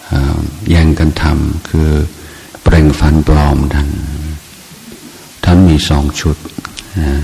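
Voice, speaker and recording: An older man, a Buddhist monk, speaks with a very deep, low voice. He tells his dharma talk in an unhurried, reflective way, pausing and restarting often. A long reverb hangs behind his words, as in a large hall. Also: gravelly, warm tone.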